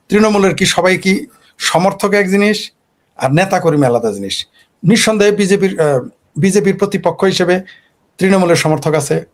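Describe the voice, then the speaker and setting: High-voiced argumentative man. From Bangladesh. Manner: argumentative, fires off rhetorical questions. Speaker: political commentator. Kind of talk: animated political monologue.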